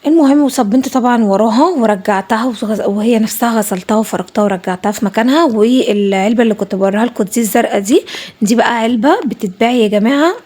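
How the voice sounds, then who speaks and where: A woman vlogging about her home narrates her cleaning footage casually, fast and forceful, with plenty of repetition and an Egyptian Arabic accent. Her voice is fairly high and somewhat dark in tone.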